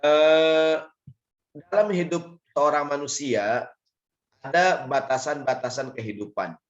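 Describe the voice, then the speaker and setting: A man with an Indonesian accent and a hoarse, raspy voice, giving an informal religious lecture in a conversational, explanatory way. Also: fairly high pitch, slow pace. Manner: conversational, lightly joking, explains step by step. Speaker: Islamic preacher and guest speaker. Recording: dull, lo-fi audio.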